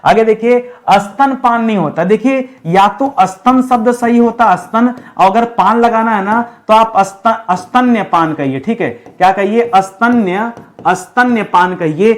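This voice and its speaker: A young man teaching a Hindi spelling lesson for exam preparation, repeating each word slowly and asking his students rhetorical questions. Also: sits high. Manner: repeats and drills words, asks the class rhetorical questions; calls his listeners friends, relaxed and unhurried. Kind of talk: online exam-prep lesson.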